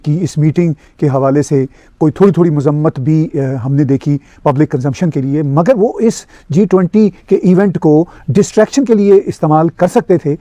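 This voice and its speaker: Male host, mellow voice, formal questioning. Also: a little high, normal speed, no room sound. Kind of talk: moderating a TV panel.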